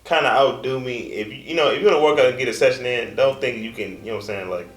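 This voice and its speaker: A man's voice: medium pitch, fast, a bit bright. A young man co-hosting a casual fitness chat, talking in a laid-back, loose way with trailing fillers. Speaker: co-host. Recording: echoey room.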